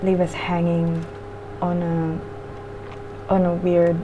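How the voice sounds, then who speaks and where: Woman, lowish pitch, chatting while eating, casual mukbang vlog, meandering, informal, noticeable background noise. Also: completely flat delivery, very slow, lo-fi sound. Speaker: vlogger eating on camera while reviewing a show. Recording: clearly audible background noise.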